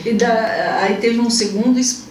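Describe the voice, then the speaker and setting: A woman host telling an emotional personal story in conversation, animated and repetitive, her pitch jumping as she gets moved. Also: a little slow, crowd noise. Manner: animated, repeats herself, pitch jumps when moved. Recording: echoey room, mic at a distance, faint background hum.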